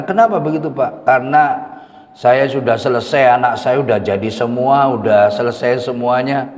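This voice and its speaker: A man's voice: mid-range voice, darkish tone. A man preaching to a mosque congregation, drawing out Arabic phrases in a chanted tone. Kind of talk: mosque sermon. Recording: echoey mosque hall.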